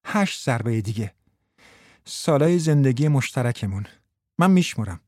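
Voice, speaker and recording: A man voicing a cold, scheming middle-aged wife who speaks quietly and calmly in a radio drama. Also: medium pitch, no room sound, clean studio sound, natural voice. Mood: cool, teasing. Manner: quiet, calm and controlled.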